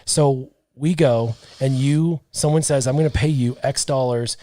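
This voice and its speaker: This podcast host, a man in his thirties, talks in an unhurried, medium-pitched voice, and the recording is dry. Relaxed and casual, he reads viewer comments aloud in a small brick-walled studio using a headset and studio mic.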